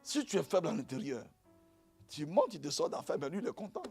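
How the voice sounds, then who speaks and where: Animated preaching pastor, high voice. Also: male voice, brisk, vocal fry, slightly rough, faint music behind. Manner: animated storytelling preaching, swings from quiet to loud. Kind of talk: sermon.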